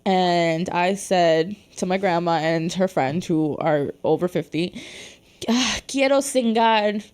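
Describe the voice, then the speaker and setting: A woman's voice: on the low side, steady tone, measured pace, darkish tone, smooth. A woman co-hosting a podcast, telling a story in casual chat, laughing and cursing, with Spanish phrases mixed in. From Dominican household in the US. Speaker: podcast co-host.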